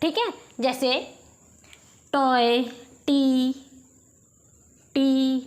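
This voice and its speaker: Slow, high-voiced Hindi-accented teacher. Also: female voice, fairly even intonation, darkish tone. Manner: patient, repeats questions and answers to the class. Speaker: English teacher. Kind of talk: slow classroom explanation.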